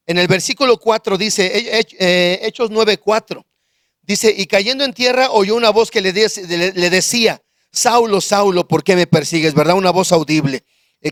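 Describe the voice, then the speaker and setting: A man with a fairly high voice preaches a sermon in a halting, conversational way. He often restarts his sentences and checks in with his listeners. The recording is close and dry, with almost no room sound. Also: no echo. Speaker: pastor. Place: church.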